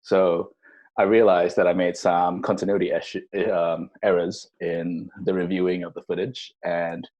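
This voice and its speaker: A man hosting a tabletop game as dungeon master over a video call, relaxed and joking. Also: low voice, a little slow, lo-fi sound. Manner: relaxed, joking, hesitant fillers.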